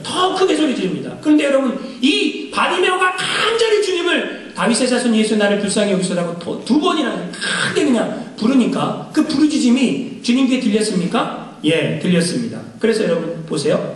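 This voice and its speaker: Male pastor, sermon; high voice, lots of rhetorical questions to the congregation, shouted scripture quotes, echoey hall. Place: church sanctuary. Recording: echoey church hall, mic at a distance.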